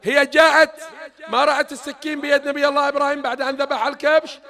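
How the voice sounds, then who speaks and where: High-pitched gravelly preacher. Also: male voice, little pitch movement, rapid-fire. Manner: impassioned, rising into shouted exhortation. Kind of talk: mourning-season sermon retelling religious narratives. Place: religious gathering hall.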